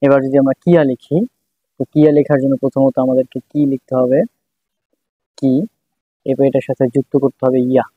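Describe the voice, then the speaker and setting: A man's voice: mid-range voice, little pitch movement, a little fast, pauses often, breathy edge, dry recording, narrow, tinny audio. A man teaching a writing lesson, patiently repeating syllables one by one as he writes. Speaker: language teacher.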